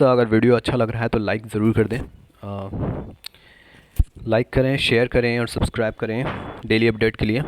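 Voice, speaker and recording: A man teaching everyday English phrases, repeating each one slowly and asking viewers to comment their answers. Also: on the low side.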